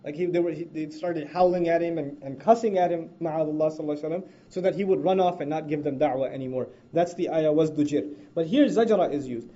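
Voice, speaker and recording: A man teaching the Quran, explaining Arabic grammar in English and reciting verses quickly. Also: fairly high pitch, warm tone. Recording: dull lo-fi recording.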